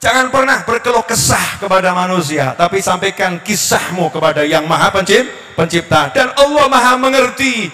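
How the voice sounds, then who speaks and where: A man with a Javanese accent preaching a sermon, swinging between loud shouted calls and hushed asides. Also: high-pitched, expressive, moderate pace, soft background music.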